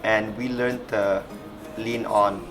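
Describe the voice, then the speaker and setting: A young man from Sarawak, Malaysia, whose first language is Iban, speaks low and flat at a slow pace as the interviewee in a reflective personal interview. He sounds thoughtful and hesitant, restarting often. The audio is poor, with music playing in the background.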